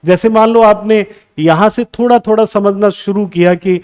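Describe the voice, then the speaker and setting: A man's voice: high voice, fairly even intonation, moderate pace, a little mellow, clear, resonant tone. A man teaching English exam prep in a lecture, mixing Hindi with English terms and answering his own questions. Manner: asks the class questions, then answers them himself.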